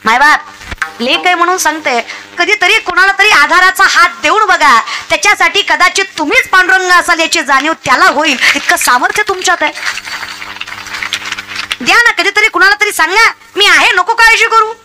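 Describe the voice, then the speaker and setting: A woman's voice: very high-pitched, expressive, fairly quick, background noise. A woman preaching a comic devotional sermon, scolding the crowd and mimicking villagers. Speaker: kirtan preacher.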